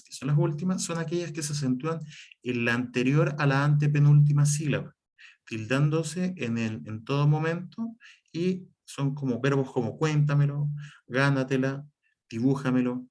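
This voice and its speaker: A man's voice: fairly high pitch, moderate pace, darkish tone. A man teaching a spelling lesson, explaining the rules step by step, with frequent fillers and self-corrections. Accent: Chilean Spanish. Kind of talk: spelling lesson over slides.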